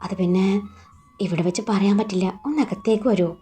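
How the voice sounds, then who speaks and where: A woman's voice: medium pitch, a little fast, mellow, faint music behind, pitched below the performer's own voice, natural voice. A woman voicing a lovesick young woman who pleads hesitantly, faltering over her words, in a read-aloud romance story. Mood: pleading.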